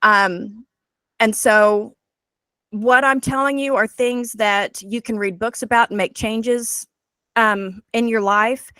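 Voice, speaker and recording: A woman's voice: a little high, steady tone, takes it slowly, pushed and bright, smooth, no room sound. A woman in her forties, a guest presenter telling her personal story in an earnest, heartfelt way over a video call.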